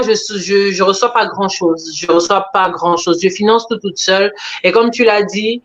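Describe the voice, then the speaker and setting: A woman interviewed about her animation work, telling her story in an expressive, animated way. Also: medium pitch. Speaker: animation creator being interviewed. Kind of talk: conversational interview answers. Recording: dull lo-fi sound.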